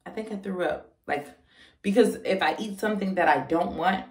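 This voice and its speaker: A woman's voice: medium pitch, normal speed, far from the mic. A pregnant woman giving a casual vlog update, chatty and short of breath, talking to viewers as y'all. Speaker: vlogger. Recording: roomy sound, voice away from the mic.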